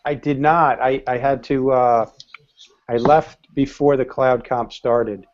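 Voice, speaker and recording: An easygoing male host keeps a casual live-stream chat rolling with short replies and frequent laughs. His mid-pitched voice sounds dull and lo-fi, as if over an online call. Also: fairly even intonation, takes it slowly. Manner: easygoing, brief responses, laughs often.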